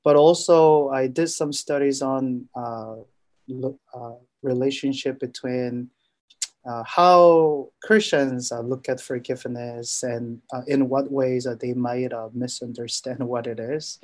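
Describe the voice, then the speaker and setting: A middle-aged man from Korea with a Korean accent, a guest in an interview, talking hesitantly with many filler pauses. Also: mid-range voice, steady tone. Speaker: guest, forgiveness researcher and professor. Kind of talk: interview conversation.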